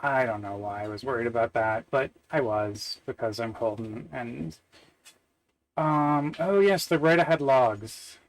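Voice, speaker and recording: A Canadian software developer codes on a live stream, thinking aloud and muttering to himself with lots of fillers and wry, self-deprecating remarks. His voice is mid-range at a measured pace, and keyboard typing is heard over poor audio with no echo.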